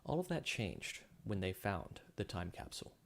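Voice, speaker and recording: A man's voice: fairly low pitch, sing-song, normal speed, vocal fry, slight background noise. A man reading his own science fiction story aloud, with occasional slips and self-corrections. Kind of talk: story narration.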